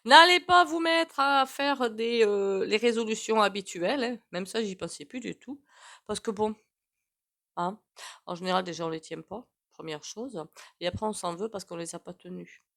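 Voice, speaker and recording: A woman with a blocked, stuffy nose from a cold, chatting casually to her channel viewers, rambling and often clearing her throat. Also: medium pitch, normal speed. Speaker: tarot reader and channel host.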